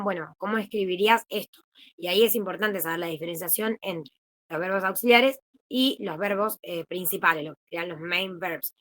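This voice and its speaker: A young woman with an Argentine Spanish accent speaks in a mid-range, slightly bright voice. As a peer tutor in an informal online study session over video call, she explains things in a chatty, easygoing way.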